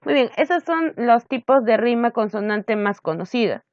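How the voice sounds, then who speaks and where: A woman literature teacher giving an online class lecture. She reads verses slowly, stresses syllables and rhymes, and often checks in with her students. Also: on the high side, expressive, no room sound, dull audio. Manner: checks in with "¿no es cierto?".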